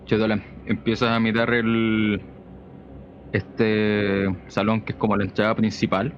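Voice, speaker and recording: A man with a Chilean Spanish accent narrating a tabletop role-playing game as game master, calm and measured. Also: on the low side. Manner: calm, measured scene description. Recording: dull lo-fi mic with faint noise.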